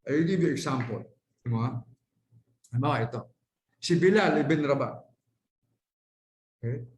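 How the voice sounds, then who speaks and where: A man's voice: medium pitch, lively intonation, unhurried. A man from the Philippines giving a religious classroom lecture, teaching in a conversational way, often checking in with his listeners and mixing in English phrases. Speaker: Islamic lecturer. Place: lecture hall at a dawah center. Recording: echoey room recording.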